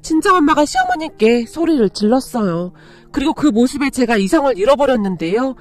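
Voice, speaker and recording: High-voiced woman reading a story. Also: brisk. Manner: steady storytelling. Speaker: story narrator. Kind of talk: first-person story reading. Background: faint background music.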